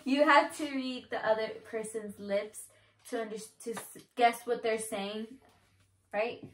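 A woman's voice: fairly high pitch, unhurried, a little hiss or hum. A young woman chatting casually as a family vlogger, giggling often and teasing playfully. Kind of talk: casual chat. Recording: echoey room, off the mic.

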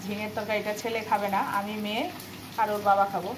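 A woman's voice: medium pitch, flat delivery, quick pace, noisy background. A middle-aged housewife chatting through her home cooking step by step in a casual vlog, recorded in her kitchen. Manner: chatty, explains each step. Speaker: housewife vlogger.

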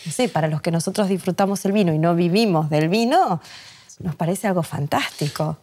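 A woman's voice: fairly low pitch, a little fast, darkish tone. A woman hosting a TV studio interview, asking curious, informal questions and repeating words as she starts. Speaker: TV interview host. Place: TV studio set.

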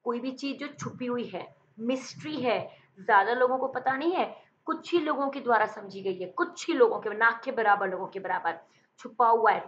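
A female vocabulary teacher with an Indian accent, speaking in a fairly high voice. She reads English definitions slowly and deliberately, then switches to quick, lively Hindi explanations of memory tricks. The recording is somewhat dull and lo-fi. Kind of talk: exam-prep vocabulary lesson with memory tricks.

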